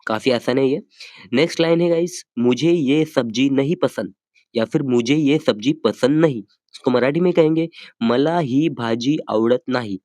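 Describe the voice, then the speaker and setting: A man teaching a language lesson, patiently repeating each phrase slowly and checking that listeners follow. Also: mid-range voice, warm tone, no room sound, studio quality. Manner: says phrases slowly and carefully for practice.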